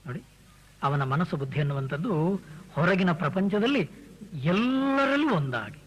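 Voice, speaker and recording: A man giving a spiritual discourse, explaining verses as a teacher, reciting the verse lines slowly and drawn out and putting rhetorical questions to his listeners. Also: high-pitched, lively intonation, breathy edge, rough recording.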